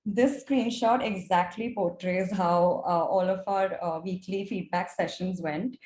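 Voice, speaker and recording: Her voice is lowish, steady, and a little mellow, at a measured pace, as this young adult Gujarati-native student with an Indian accent gives a prepared presentation on her mentorship project. Echo from the room and clear background noise come through.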